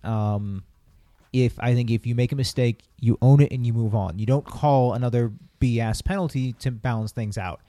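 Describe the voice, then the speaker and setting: A man's voice: mid-range voice, mellow, no echo, studio quality. A man co-hosting a casual sports talk podcast, earnest and opinionated, often restarting his sentences. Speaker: podcast co-host.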